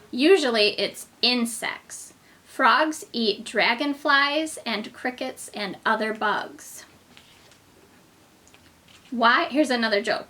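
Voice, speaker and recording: Woman, teacher reading to small children, unhurried pace, brightly toned voice, simple child-directed phrasing. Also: on the high side. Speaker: kindergarten teacher. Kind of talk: reading a children's book aloud to young children, with asides and questions.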